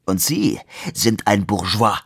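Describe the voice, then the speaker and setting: A man's voice: fairly low pitch, lively intonation, takes it slowly, gravelly, slightly rough, no room sound, studio quality, heavily acted. A man reading aloud as a wounded working-class man who speaks bluntly and defiantly. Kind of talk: literary reading.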